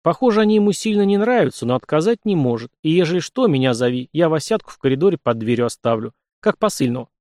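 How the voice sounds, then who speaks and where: A man voicing a quick-tempered, cheeky young man with sharp, teasing retorts. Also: fairly high pitch, very animated, dry recording, studio quality, pitched above the performer's own voice. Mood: cocky.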